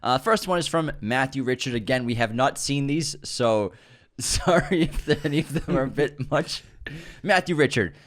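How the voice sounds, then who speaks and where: Young guy w a nasal voice, podcast cohost reading fan roasts, keeps cracking up, mid-pitched. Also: lively intonation, moderate pace. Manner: laughs often, reads jokes in a playful sing-song. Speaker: podcast co-host. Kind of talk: casual chat, reading fan jokes aloud.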